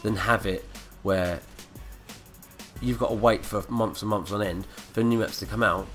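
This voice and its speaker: A man's voice: on the low side, fairly even intonation, normal speed, fairly bright tone. A man with a blocked nose from a cold, ranting and swearing through gameplay commentary. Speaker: gaming commentator. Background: faint background music.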